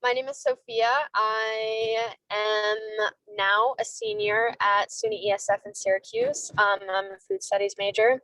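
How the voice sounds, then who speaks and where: A woman's voice: on the high side, animated, measured pace, fairly bright tone, slight background noise, poor audio. A young woman, a college student, introducing herself on a meeting call while she is driving, heard over the car speakerphone. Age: young adult. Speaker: student committee member.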